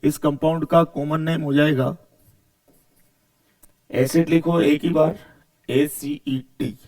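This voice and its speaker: A male chemistry teacher, speaking in a somewhat high voice. He keeps asking questions and answering them himself, repeating key words as he goes. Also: flat delivery, slow pace, a little mellow. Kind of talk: video lecture.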